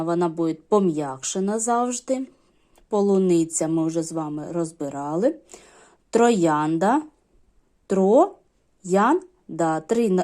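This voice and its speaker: A woman's voice: fairly low pitch, mellow. A middle-aged woman teaching a lesson to young children, explaining patiently step by step. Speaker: primary school teacher.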